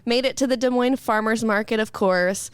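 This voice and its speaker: Excitable young woman co-host, loud and upbeat, smooth voice, dry studio sound. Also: a little high, normal speed, no room sound. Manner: loud, excited, laughs often. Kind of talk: casual chat.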